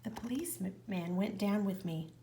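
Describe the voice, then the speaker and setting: Lady reading a kids' book out loud, lots of whispering, gravelly voice. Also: medium pitch, normal speed, a little hiss or hum. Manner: expressive, often whispered narration. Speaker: reader. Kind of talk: reading a children's picture book aloud.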